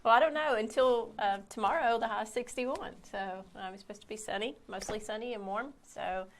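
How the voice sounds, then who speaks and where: A woman's voice: on the high side, a little fast. A woman co-hosting a casual morning chat show, sounding nasal and stuffed up with a cold. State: congested with a cold.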